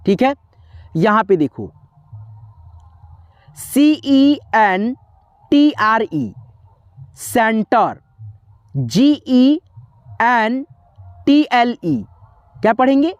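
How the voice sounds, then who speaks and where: Woman, very slow pace, letter-by-letter spelling, dull muffled recording. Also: fairly high pitch, very animated, no echo. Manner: slow and repetitive, spells words out letter by letter, quizzes listeners. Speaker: English teacher. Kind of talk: classroom-style spelling lesson.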